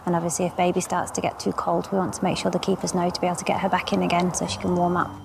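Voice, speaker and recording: A woman's voice: lowish voice, monotone, racing, creaky, music in the background. A woman working in animal care, explaining her work in an unscripted interview. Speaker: zoo animal care expert.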